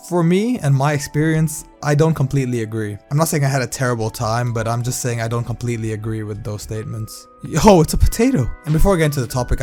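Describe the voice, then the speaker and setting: A young adult man from Thailand, a vlogger with a mid-range voice, narrates a casual storytime over gameplay. He's relaxed, candid, and conversational, but reacts loudly to what happens in the game.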